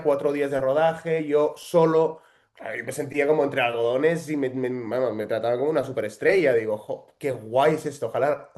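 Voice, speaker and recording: A man's voice: on the high side, a little mellow. A man, an actor telling stories in a casual interview, with lots of hesitations. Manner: chatty storyteller, frequent hesitations. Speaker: actor guest.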